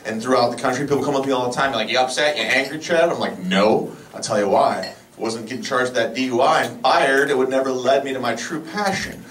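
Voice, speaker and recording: A man doing a stand-up comedy set, telling self-mocking stories in a deadpan way and slipping into quick quoted voices. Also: mid-range voice, a little hiss or hum. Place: comedy club stage with live audience. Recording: roomy club recording, far mic, loud crowd laughter.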